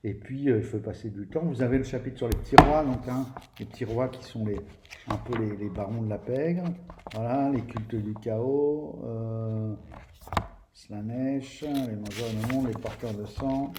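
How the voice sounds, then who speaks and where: Here a man with a mid-range voice and a measured pace offers an informal review of a tabletop game book to his audience. He stumbles along hesitantly, restarting frequently and filling pauses. You can hear room echo and slight background noise.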